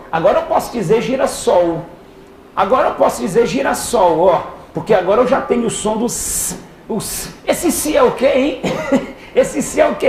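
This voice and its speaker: A man teaching a live exam-prep class, lively, firing questions at the students and answering them himself. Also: very high voice. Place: lecture hall with students. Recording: echoey hall with faint background noise.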